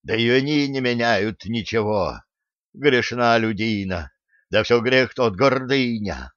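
A man reading the part of a stern old pagan sage in an audiobook, speaking slowly and solemnly. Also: medium pitch, a bit bright, no room sound, lo-fi sound. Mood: stern preaching.

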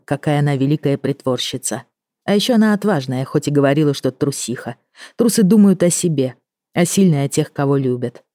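A woman narrating a first-person crime audiobook in a calm, even storytelling manner. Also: a bass voice, no echo, studio quality.

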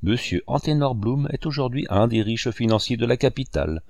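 A man voicing a scheming young chambermaid who speaks in a hushed, confiding way. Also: medium pitch, lively intonation, a little fast, vocal fry, no echo.

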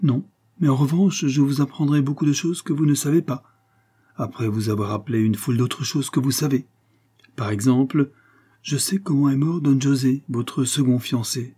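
A man's voice: mid-range voice, steady tone, moderate pace, warm tone, breathy edge, voice pushed up, lightly acted. A man reading the part of a secretive, teasing young male guard cadet in a storybook. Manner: insinuating, playful, secretive.

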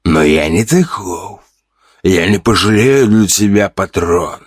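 A deep-voiced man puts on a cruel bandit chief in an audiobook, mocking and contemptuous, often pushing his voice higher in scorn. The voice is low, and the recording is dry and close. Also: expressive, measured pace, dry recording. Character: scarred sneering bandit leader man, cruel. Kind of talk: audiobook character voice.

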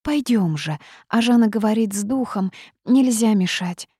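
Jumpy devout little cave girl, lady doing her, bright and excited. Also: mid-range voice, moderate pace, slightly rough, dry recording, clean studio sound, pitched above the performer's own voice. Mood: fervent. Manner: eager, fearful, excitable.

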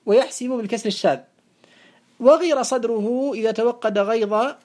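Mellow, higher-voiced woman teaching grammar. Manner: measured, explanatory, recites verse slowly. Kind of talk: classical grammar lesson.

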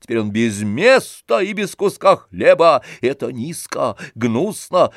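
A man reading an audiobook, voicing a spiteful, coarse middle-aged man who shouts abuse venomously. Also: medium pitch, very animated, unhurried, no echo, studio quality. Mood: shouting.

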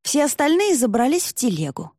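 A woman narrating an audiobook in an even, measured way. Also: sits high, no echo, studio quality. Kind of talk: scripted narration.

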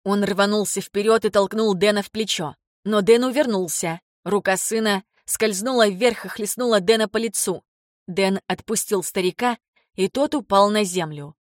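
A woman reading first-person audiobook narration in a steady, measured way. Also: mid-range voice, no room sound, clean studio sound. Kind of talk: scripted narration.

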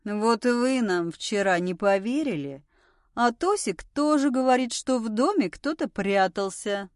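A woman voicing a bold, sharp-tongued woman who speaks brisk and loud. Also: a little high, animated, no room sound, studio quality.

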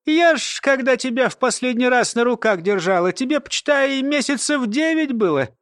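A woman's voice: sits high, lively intonation, normal speed, no room sound, studio quality, pitched above the performer's own voice. Man doing a sly mumbling old nanny woman. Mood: folksy, sly. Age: older. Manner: mumbling, folksy, chuckling.

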